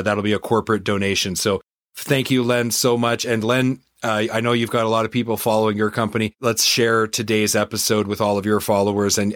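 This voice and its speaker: A man's voice: fairly low pitch, a bit bright, no room sound, clean studio sound. A man hosting an interview show, speaking conversationally as he puts questions and addresses his audience. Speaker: show host.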